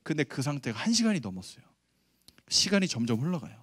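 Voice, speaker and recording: Guy youth pastor preaching to teens, kinda high voice, dry close sound, keeps asking the kids stuff. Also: fast talker, slightly rough, no echo. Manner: animated storytelling, asks the audience questions. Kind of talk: sermon to middle schoolers. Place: church sanctuary.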